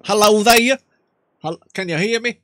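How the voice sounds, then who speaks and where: Man putting on a high, stammering folksy old man. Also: a little slow, sharp tone. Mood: flustered, folksy. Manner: stammering, rambling, repeats words. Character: flustered, folksy rural old man computer novice.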